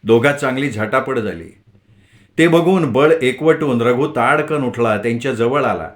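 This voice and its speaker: A man's voice: mid-range voice, a little slow. A man narrating a novel as an audiobook storyteller, reading steadily and expressively.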